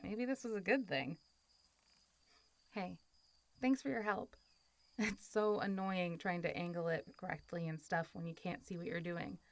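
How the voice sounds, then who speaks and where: With a fairly low, steady voice and a measured pace full of pauses, a woman plays a friendly, teasing zombie girl centuries old in an intimate roleplay audio drama. She sounds casual and playful, often laughing and sighing, over slight background noise.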